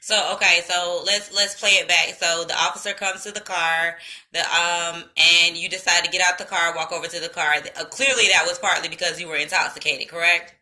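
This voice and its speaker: A woman's voice: lowish voice, steady tone, a little fast, bright, forceful tone. A woman hosting an interview, asking casual, direct questions and saying "y'all.". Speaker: interview host.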